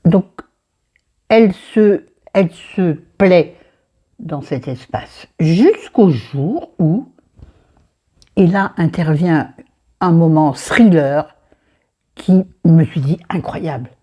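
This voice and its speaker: A woman's voice: sits low, very slow, long pauses, dark tone, breathy edge. A woman with a southern French accent, chatting casually about a book while doing her makeup at her dressing table, rambling and talking to herself. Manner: rambling, digressive, talks to herself. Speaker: book vlogger. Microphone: camera facing her mirror.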